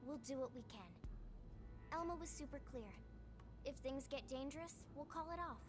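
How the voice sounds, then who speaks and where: A woman voicing an eager young teenage girl in a video game, with a bright, chirpy, earnest delivery. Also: high-pitched, moderate pace, music in the background, natural voice. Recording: long reverb on game audio.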